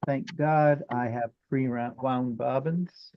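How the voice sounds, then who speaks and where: A man chatting casually as he sews, his humor dry and deadpan. His voice sits mid-range and comes through a video call. The line is muffled and a little dull. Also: medium pitch, slow, a little hiss or hum. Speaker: quilter guest. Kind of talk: casual chat while sewing on a live stream.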